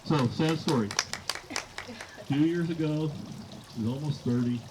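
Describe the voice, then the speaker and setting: A man's voice: fairly high pitch, unhurried, crowd noise. A middle-aged man giving an informal wedding toast as father of the bride, telling stories in a folksy way. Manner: folksy storytelling, acting out quoted dialogue. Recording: live event with clear background noise.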